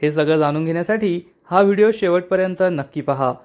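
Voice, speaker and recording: A man's voice: high voice, brisk, darkish tone. A man narrating a scripted recap of a TV serial episode, addressing viewers as friends.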